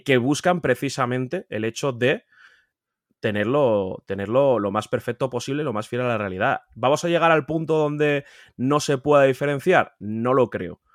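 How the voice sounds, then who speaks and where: A man from Spain with a Spain Spanish accent, a collector guest talking casually on a podcast, emphatic and animated, repeating words and swearing freely. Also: dry recording, studio quality. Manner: animated, pitch jumping up when insisting. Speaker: guest, video game collector.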